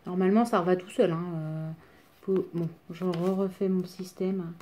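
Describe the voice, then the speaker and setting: Woman, smoker's rasp, mellow tone, casual craft tutorial, rambling and self-deprecating, faint background noise. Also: on the low side, steady tone, normal speed. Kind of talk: casual unscripted craft demonstration.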